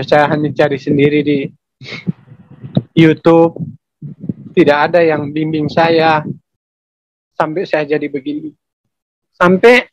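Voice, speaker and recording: A middle-aged man tells his personal testimony in a high, earnest voice. He speaks in short, halting phrases and keeps politely calling his listener "sir". The sound is close and dry, with no room echo. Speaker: interviewee giving a conversion testimony.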